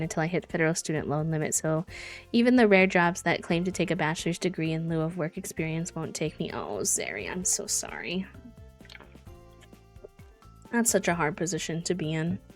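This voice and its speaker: A woman's voice: low voice, steady tone, fairly quick. A woman livestreamer chatting casually while she plays a game. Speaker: streamer hosting a charity gaming livestream. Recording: music behind the voice. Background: music.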